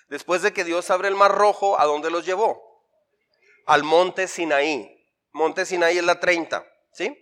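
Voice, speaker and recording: A high-pitched, sharp-toned man serves as pastor at an interactive Bible workshop in church. Before the congregation, he jokes around and drills everyone with repeated questions and lists.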